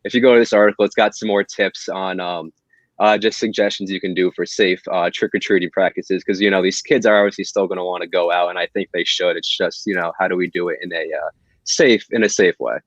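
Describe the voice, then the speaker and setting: A man's voice: low voice, steady tone, fast talker, dry recording, highs cut off. A man co-hosting a college radio show, chatting casually in a rambling way with many fillers. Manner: rambling, many ums and likes. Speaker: radio co-host. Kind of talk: casual chat.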